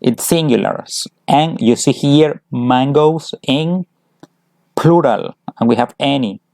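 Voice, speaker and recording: Slow, gravelly teacher. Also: male voice, medium pitch, darkish tone, dry recording. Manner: switches between English and Spanish, explaining patiently. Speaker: English teacher. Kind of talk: bilingual grammar lesson.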